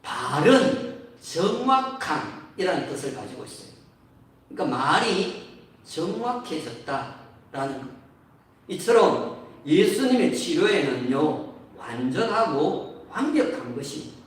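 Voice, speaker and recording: Korean pastor guy preaching, kinda high voice, slow, big church echo from far off. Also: sing-song. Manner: explains slowly, sings briefly. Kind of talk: sermon. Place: church sanctuary. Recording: echoey church hall from far off.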